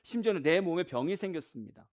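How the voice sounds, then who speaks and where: A male pastor preaching a sermon in an animated way, often asking the congregation questions. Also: high voice, fast talker. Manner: animated, acts out quoted voices, rhetorical questions to the congregation.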